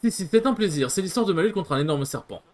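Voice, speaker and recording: Man doing a shrill, panicky pompous captain. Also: lively intonation, fast, darkish tone. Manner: stammering, shrill when scared. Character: pompous cowardly nobleman ship captain, panicky.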